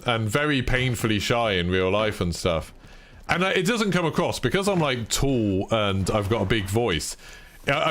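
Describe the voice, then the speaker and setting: A man's voice: mid-range voice, fairly bright tone, slight background noise. A British man chatting casually with his stream audience, full of "like" and self-deprecating asides. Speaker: streamer reading chat. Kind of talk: casual live-stream chat.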